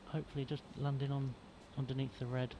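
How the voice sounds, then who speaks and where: A man's voice: mid-range voice, flat delivery, fast talker, background noise. A man giving conversational, slightly hesitant snooker analysis as a co-commentator. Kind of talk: informal live snooker analysis.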